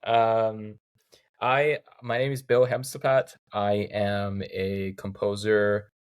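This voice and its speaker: Thai-born guy in his 30s on a video call, lowish voice, chatty, acts out little quotes. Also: slow pace, clean tone. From Thailand. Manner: animated storyteller, acts out quoted lines in a higher voice. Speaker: guest, video game composer. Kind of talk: casual interview chat.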